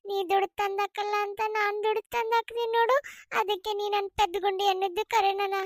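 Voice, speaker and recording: A woman's voice: very high voice, flat delivery, brisk, no echo, studio quality. Woman voicing a furious betrayed village wife. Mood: furious ranting. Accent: North Karnataka Kannada. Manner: ranting, scolding.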